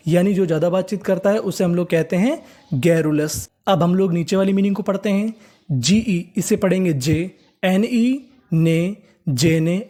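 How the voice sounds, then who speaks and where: A male teacher gives a reading lesson in Hindi, spelling out words letter by letter and then drawing each one out slowly. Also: high-pitched, dark tone.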